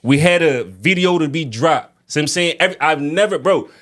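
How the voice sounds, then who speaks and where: A man speaks in a notably high register. His talk is casual and slangy, like venting among friends on a show. He leans on short repeated phrases to hammer each point home. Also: expressive, brisk, a bit bright. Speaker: music artist guest.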